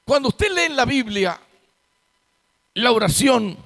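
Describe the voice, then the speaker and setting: High-voiced preacher in echoing church. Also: male voice, big pitch swings, fairly bright tone. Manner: emphatic preaching with rhetorical questions and slow drawn-out stresses. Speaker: pastor. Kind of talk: sermon. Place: church sanctuary. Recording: long hall reverb in church.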